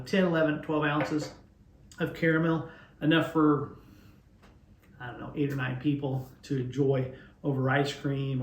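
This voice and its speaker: A man's voice: mid-range voice, slight background noise. Chatty Kansas man in an echoey kitchen. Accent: Western Kansas. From Western Kansas, USA. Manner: chatty, rambling explanations with folksy asides. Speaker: host of a DIY cooking channel. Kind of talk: casual cooking demonstration. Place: home kitchen at the stove. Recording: roomy, distant kitchen sound.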